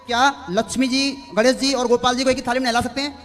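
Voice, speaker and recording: A man's voice: very high voice, little pitch movement, fast, a bit bright, long reverb tail, faint music behind. A man, a devotee, earnestly and respectfully asking his teacher questions about religious practice. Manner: earnest, inquisitive, speaks respectfully.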